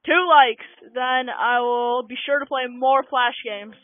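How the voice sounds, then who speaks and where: A young-sounding gaming channel host giving casual, rambling let's-play commentary with many fillers, recorded on a cheap low-quality microphone. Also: fairly even intonation, unhurried, dry recording. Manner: rambling, self-conscious, lots of fillers. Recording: tinny lo-fi cheap mic.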